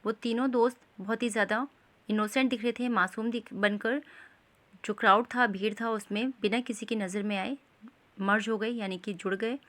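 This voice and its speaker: A woman with an Indian accent teaching an English textbook lesson, reading English lines slowly and then explaining them in Hindi. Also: fairly high pitch, fairly even intonation, fairly bright tone.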